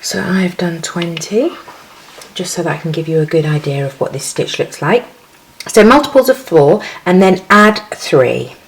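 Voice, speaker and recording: A woman's voice: on the low side, animated, moderate pace, low-quality recording. A woman hosting a casual crochet tutorial, chatty and giggly, counting stitches aloud as she works.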